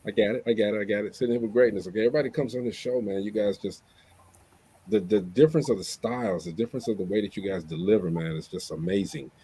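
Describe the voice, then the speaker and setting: A man's voice: on the low side, quick pace, dark tone, breathy edge. A man hosting a casual interview, effusive and often repeating himself as he addresses his guest. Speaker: show host.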